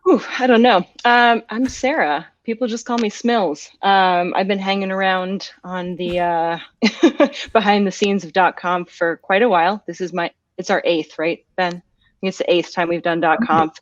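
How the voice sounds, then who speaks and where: A bubbly woman guest in casual chat who laughs a lot between her answers. Her voice sits a little low for a woman. The call audio is dry and dull, with no room around it. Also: fairly even intonation, moderate pace, no room sound. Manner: giggly, bubbly. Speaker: guest, event marketing staff.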